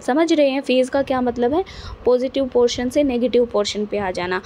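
Slight background noise accompanies a woman teaching physics in a somewhat high, dark-toned voice at a fairly quick pace. Her classroom lecture is patient and repetitive, with frequent checks on whether the students understand.

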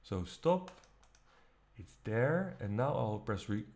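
A man teaching music production, walking through the software step by step in a relaxed, casual way. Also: on the low side, slow. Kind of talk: screen-recorded software tutorial. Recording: faint music playing behind. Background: faint music.

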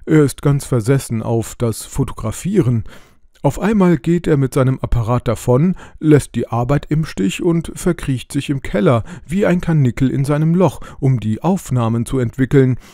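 A man's voice: mid-range voice, animated, moderate pace, warm tone, no echo, studio quality, natural voice. A man voicing a plain, hesitant middle-aged shopkeeper in an audiobook, with filler sounds. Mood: telling. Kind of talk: audiobook role reading.

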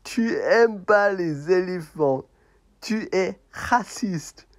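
A childish male toy elephant, as a man puts him on, nags and repeats himself in a raised, bouncy voice. He speaks very slowly and clearly, as in puppet play for beginners, whiny and insistent. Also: high voice, lively intonation, pitched above the performer's own voice, heavily acted. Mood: pleading. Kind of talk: slow puppet play for learners.

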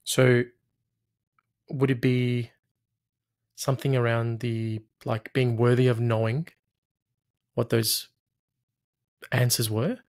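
A man in his thirties with a medium-pitched voice, recorded dry. He guides a client as a therapist, asking patient questions and offering steady reassurance. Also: takes it slowly, pauses often, dry recording. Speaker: hypnotherapist, coach. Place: small room, video call.

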